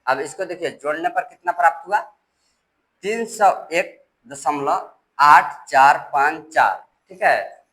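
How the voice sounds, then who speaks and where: Male math tutor, bright slightly high voice, patient and repetitive, spells out numbers digit by digit. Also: animated, slow pace, rough recording. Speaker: math teacher. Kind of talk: step-by-step classroom explanation.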